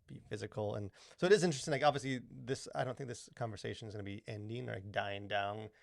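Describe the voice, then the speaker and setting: This man talks quickly in a lowish register with noticeable vocal fry, and the studio recording is clean and free of room sound. Co-hosting a podcast, he drifts casually through culture and faith, leaning heavily on "like" and "you know."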